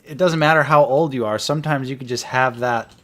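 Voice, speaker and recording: Male co-host, relaxed, giggly, mid-range voice. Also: mid-range voice, fairly quick. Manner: laid-back, laughs often. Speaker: podcast co-host. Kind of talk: casual chat.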